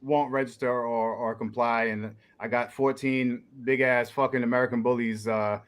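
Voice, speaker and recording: A man hosting a livestream panel in a calm, easygoing way. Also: medium pitch, normal speed. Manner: calming, easygoing. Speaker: panel host.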